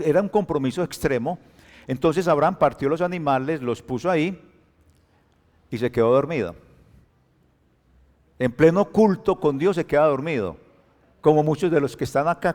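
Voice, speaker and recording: A male pastor preaching a Sunday school sermon, joking with the congregation, moving between loud emphatic lines and soft quiet ones. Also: medium pitch. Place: church hall. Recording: reverberant church hall.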